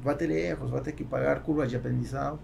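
An Argentine entrepreneur, a native Spanish speaker with an Argentine Spanish accent, talks as a podcast guest in a conversational interview. His gravelly voice is medium-pitched, darkish and fast with fairly even intonation, picked up by a close boom-arm podcast mic in a small foam-treated studio with slight background noise.

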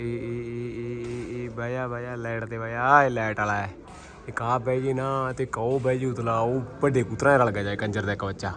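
Punjabi guy doing a casual rambly vlog, mid pitch, rough village talk, noise n birds behind him. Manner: earthy, colloquial, swears casually. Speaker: vlogger, pigeon keeper. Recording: clear background noise with birds.

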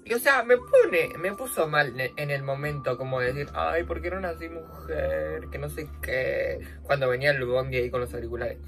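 A young vlogger with a Rioplatense accent recounts a dramatic tale full of slang as she applies her makeup. She talks animatedly and briskly with few pauses, shifting from loud outbursts to quiet asides.

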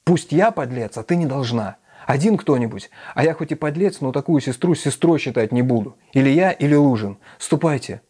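A man's voice: mid-range voice, lively intonation, brisk, warm tone, slightly rough, pitched above the performer's own voice. A man voicing a feverish, irritable young man who gives curt commands. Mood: commanding.

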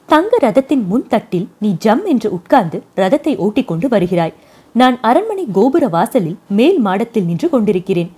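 A woman voicing a spirited young wife in a storybook reading, speaking in an animated way. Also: a little high, breathy edge. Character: young wife, spirited and proud of her sister.

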